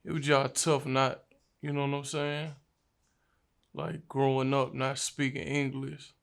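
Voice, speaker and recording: A man's voice: mid-range voice, flat delivery, a little slow, gravelly. A young man from Virginia, a rapper, telling his life story in a casual, slangy interview. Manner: laid-back, slangy storytelling.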